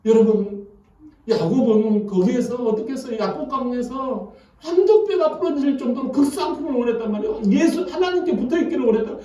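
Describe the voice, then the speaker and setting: A male pastor preaching a sermon, animated and asking the congregation questions. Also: extremely high pitch, brisk, muffled recording. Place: church sanctuary. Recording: echoey church from far off.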